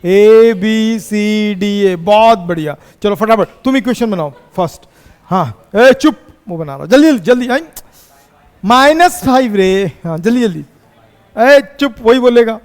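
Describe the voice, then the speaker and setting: A man teaching a physics class, teasing his students and pushing them to answer quickly. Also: sits high, expressive, big-room sound.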